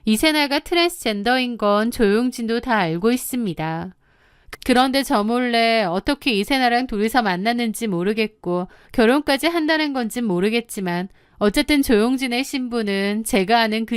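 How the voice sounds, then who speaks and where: A woman's voice: fairly high pitch, expressive, normal speed, clear, resonant tone, no room sound, clean studio sound. A woman narrating her own story in the first person, confiding and matter-of-fact.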